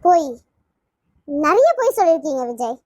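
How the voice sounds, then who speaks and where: A woman's voice: high voice, very animated, moderate pace, a little mellow, no echo, clean studio sound. A woman voicing a hurt, suspicious young woman who insistently questions her lover in a cartoon. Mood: accusing. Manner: accusing, insistent. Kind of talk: cartoon voice acting.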